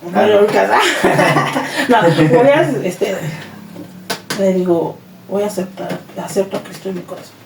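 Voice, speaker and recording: A woman with a Mexican accent, a guest telling her personal testimony in a lively way and acting out the dialogue she quotes. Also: medium pitch, normal speed, creaky. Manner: animated retelling, acts out quoted dialogue. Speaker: interview guest. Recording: roomy echo, distant mic, faint noise.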